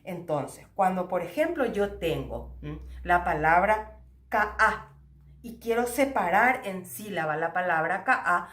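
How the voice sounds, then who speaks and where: A woman teaching a Guarani language lesson, explaining slowly and checking understanding with little questions. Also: mid-range voice, reverberant. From Paraguay.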